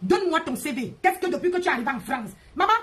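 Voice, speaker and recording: A high-pitched woman hosts a live stream and rants at her rivals. She mocks them and repeats her jabs in a heated, confrontational way. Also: animated, rapid-fire. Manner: mocking, repetitive, confrontational.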